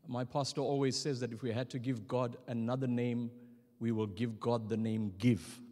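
A middle-aged man reading a formal eulogy as master of ceremonies, measured and solemn, pausing between short phrases. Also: medium pitch, flat delivery, mellow. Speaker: master of ceremonies at a memorial service. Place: church stage at a lectern, indoors. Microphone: microphone on a stand at the lectern. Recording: long hall reverb.

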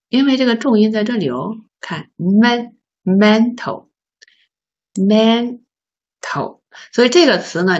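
A woman teaching a beginner English lesson, patiently asking learners questions and sounding out words slowly. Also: lowish voice, husky. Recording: slightly dull lo-fi recording.

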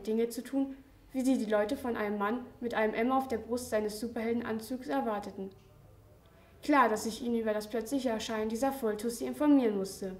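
Teen girl reading her funny story aloud, kinda high voice, echoey room, mic far away. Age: young teen. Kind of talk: reading aloud a comic first-person story. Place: school reading event. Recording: roomy, distant mic.

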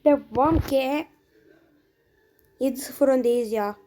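A high, dark-toned woman commentating her own football video game session. She shouts at her players, groans when a pass fails and stretches her goal calls out long. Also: slow pace, a little hiss or hum. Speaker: gameplay streamer.

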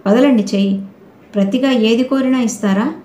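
A woman's voice: a little high, normal speed, warm tone, close to an everyday voice. A woman voicing an indignant young bride with an accusing manner, in an audio novel reading. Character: young bride, bitter and defiant. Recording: roomy echoey recording.

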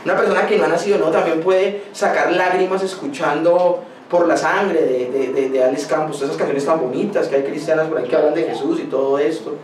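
A man's voice: a little high, steady tone, fast talker, hardly any pauses. A man pastor preaching a sermon, pressing his points with rhetorical questions and personal anecdotes. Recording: echoey room, voice from a distance, faint noise.

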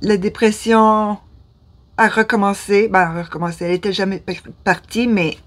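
In a small room indoors, a woman in her fifties from Ottawa vlogs casually to camera with a Canadian French accent. Her voice is medium-pitched and level at a moderate pace, though she's hesitant, often losing words and starting over.

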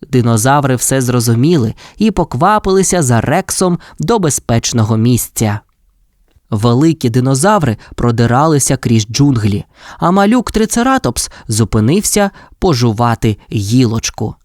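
A storyteller reading a children's audio fairy tale in an expressive, lively way. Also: medium pitch, normal speed, dry recording, studio quality.

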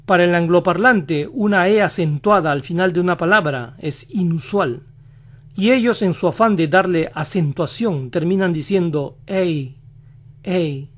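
A man teaching pronunciation in a slow instructional style, repeating each example word several times. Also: high voice. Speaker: language teacher.

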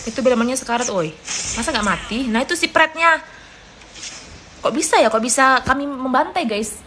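High-voiced woman gaming with a cold. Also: normal speed. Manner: excitable, chatty, swears, keeps saying "guys". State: has a cold and cough. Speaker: streamer. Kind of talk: live mobile game commentary. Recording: noisy background.

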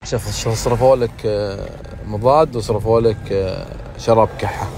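A man chatting casually in a vlog, teasing and coaxing in a quick way. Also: fairly low pitch, fairly even intonation, darkish tone, slight background noise. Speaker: vlogger father.

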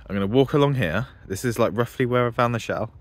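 A man with a medium-pitched voice talks fast as he walks outdoors on his farm beside a ditch and fields. He's vlogging casually, chatting and thinking out loud.

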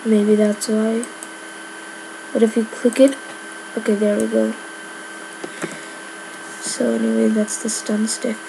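A woman's voice: a little high, little pitch movement, slow pace, gravelly, pauses often, background noise. A woman giving casual gameplay commentary, rambling with lots of filler words. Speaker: gamer.

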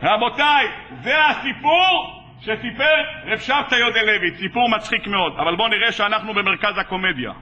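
A man, a rabbi, giving a sermon and telling stories in an animated way. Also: high voice, dull audio, a little hiss or hum. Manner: animated storyteller, laughs between lines. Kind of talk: sermon with storytelling.

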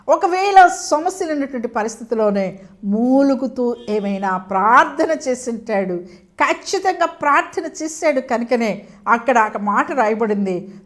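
A woman preacher with a Telugu accent delivers a spirited sermon in a high voice. She keeps asking her listeners questions and calls out for hallelujah.

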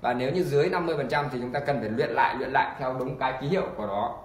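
A man teaching an online pronunciation lesson, repeating example words slowly and encouraging learners. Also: mid-range voice. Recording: echoey room.

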